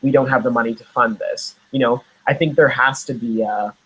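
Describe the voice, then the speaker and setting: Young man from Nova Scotia, husky, loose rambling interview talk. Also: medium pitch, fairly even intonation, brisk, fairly bright tone, poor audio. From Nova Scotia, Canada. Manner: rambling, many fillers and restarts. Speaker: actor guest. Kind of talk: casual interview chat.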